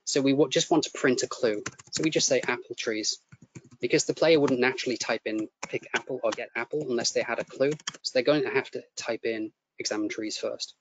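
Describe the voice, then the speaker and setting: A man's voice: mid-range voice, a little fast. A man teaching a coding lesson, explaining each step as he types and often repeating himself as he goes. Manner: explains step by step while typing, repeats words. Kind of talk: live coding tutorial. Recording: muffled lo-fi audio with faint noise.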